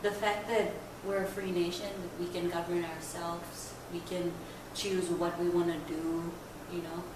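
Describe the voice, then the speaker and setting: A woman's voice: lowish voice, level tone, measured pace, few pauses. A young woman from Guinea, answering interview questions conversationally with many fillers. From Papua New Guinea. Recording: echoey, distant mic, background noise.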